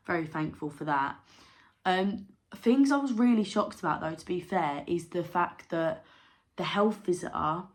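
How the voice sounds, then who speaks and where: Chatty young woman vlogger. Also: fairly low pitch. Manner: chatty, candid, rambling with fillers. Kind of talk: casual chat to camera.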